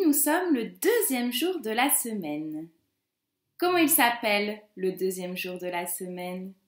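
A woman teacher recording a lesson for young children, gentle and sing-song, spelling out letter shapes. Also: sits high. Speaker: schoolteacher. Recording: roomy echo.

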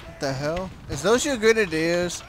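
A man's voice: high-pitched, expressive, moderate pace, noisy background. A man chatting casually while playing a war game, joking and laughing often. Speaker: game player. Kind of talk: casual gameplay commentary.

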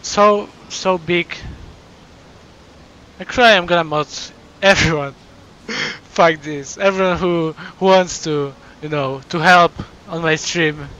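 A man streaming live and chatting casually, thankful and excited, often stumbling and repeating his words. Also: a little high, slow, highs cut off.

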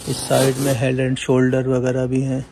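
This walking tour vlog follows a young man from India through a large indoor supermarket as he chats to viewers on a handheld phone, constantly addressing them as "friends." His medium-pitched voice is gravelly and mellow, delivered completely flat at a moderate pace, and the audio is slightly rough.

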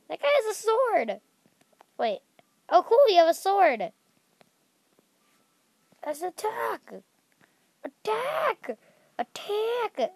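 A young woman runs a gaming channel, chatting casually while she plays and squealing whenever danger appears. Her voice is a little high with vocal fry and a slightly stuffy nose, and there's no echo.

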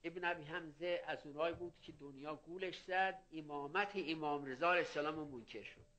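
Bright-voiced older male preacher. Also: a little high. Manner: explains Arabic quotes in Persian, tells anecdotes. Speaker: cleric preacher. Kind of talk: religious sermon.

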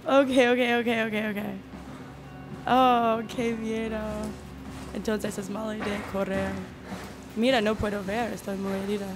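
A woman doing horror game commentary who talks in a nervous, frightened, halting way. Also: fairly high pitch, flat delivery, over music. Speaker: let's player.

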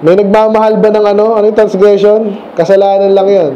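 A high-pitched male pastor with a mellow, darkish tone preaches to his congregation, reading verses slowly and then explaining them in quick, casual back-and-forth questions. The recording is dull and lo-fi, with faint hiss and birds outside. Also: little pitch movement. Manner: reads scripture slowly, then talks fast and casually. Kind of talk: sermon.

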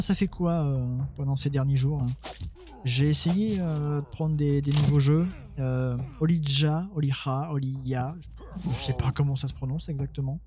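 A let's play gamer, this man has a mellow, somewhat high voice with a little hiss or hum behind it. He casually comments on his own strategy game, muttering, mocking himself, and talking to his units.

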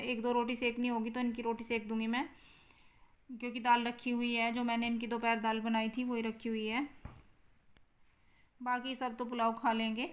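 A woman's voice: a little high, darkish tone, clear, resonant tone. A woman from India giving a home cooking demonstration in her kitchen, explaining each step plainly to her viewers. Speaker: home cook vlogger.

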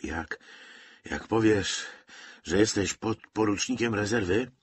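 A man's voice: sits low, lively intonation, a little slow, fairly bright tone, breathy edge, no room sound, exaggerated voice. A man voicing a feverish, frightened young soldier in an audiobook who talks in a breathless, urgent whisper.

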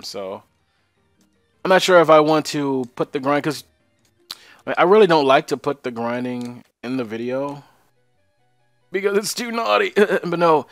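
A young let's play host casually commentates on the video game he's playing, joking and chatting with his viewers. His voice is medium-pitched with a fairly bright tone, and there's no room sound.

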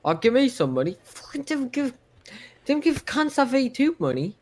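A man's voice: very high-pitched, sing-song, normal speed. A man from Newcastle with a Geordie accent, bantering defiantly and swearing as a fellow player in a game. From Newcastle, England.

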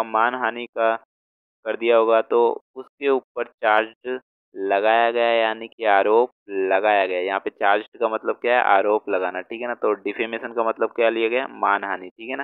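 A man with a low, flat voice explains word meanings in a slow teaching manner, repeating each word as he writes it down. The sound is thin and phone-like, with a dry, close feel and clean diction. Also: clean tone, dry recording. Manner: slow, repeats words while writing them out. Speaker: vocabulary teacher.

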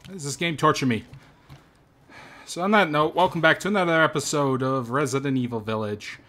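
A man hosting a horror game playthrough, grumbling, swearing often and sometimes shouting when startled. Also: a little high, a little fast. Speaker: host. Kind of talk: profane gaming commentary.

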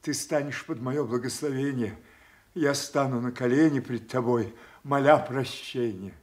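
A man's voice: mid-range voice, unhurried, natural voice. An actor playing a frail old deposed king, tender and resigned, in a declamatory classical radio tragedy. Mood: tender, wistful.

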